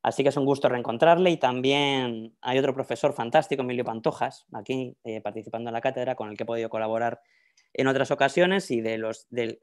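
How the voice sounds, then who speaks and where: A middle-aged researcher from Madrid, speaking with a Madrid Spanish accent, gives an informal academic talk as a panelist on a video call. His medium-pitched voice is chatty, and he often ends phrases with a questioning "¿no?". He's indoors in a book-lined room, using a wired earphone headset.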